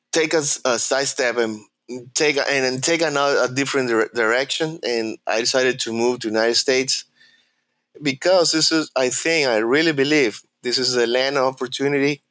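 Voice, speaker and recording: A man with a Venezuelan Spanish accent and Spanish as his first language tells his own story in a reflective, halting way, often repeating words as he searches for them. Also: mid-range voice, fairly bright tone, no room sound. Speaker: interviewee. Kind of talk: personal storytelling.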